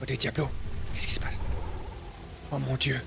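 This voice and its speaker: A man with a gravelly edge to his voice roleplays his character through a game, narrating calmly one moment and hurling theatrical insults the next. Clear music plays behind him the whole time. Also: mid-range voice, normal speed. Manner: theatrical, swings between calm narration and outbursts of insults. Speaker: gamer roleplaying a dinosaur.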